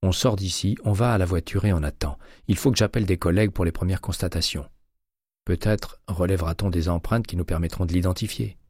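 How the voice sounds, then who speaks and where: A man's voice: low voice, a little fast, husky, no room sound. A man reading a firm, composed female agent. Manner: calm, firm, questioning. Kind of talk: audiobook character reading.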